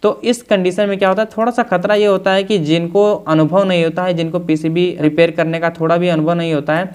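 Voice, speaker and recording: A man's voice: high voice, little pitch movement, a little fast, a little mellow, clean tone. A man, a repair instructor, explaining a tutorial step by step in speech, with fillers and repeated phrases.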